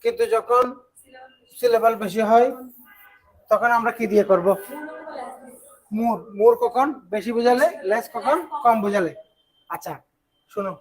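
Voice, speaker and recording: The audio is poor, but a teacher from Bangladesh can be heard patiently taking an online class through English grammar at a middle pitch. Each point is explained in turn, with brief rhetorical questions checking that the students keep up.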